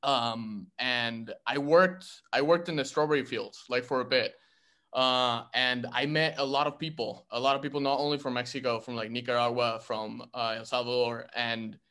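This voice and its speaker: A young man from Argentina talking casually in a group discussion, halting with lots of fillers and restarts. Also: mid-range voice, a bit bright. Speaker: actor in a script reading.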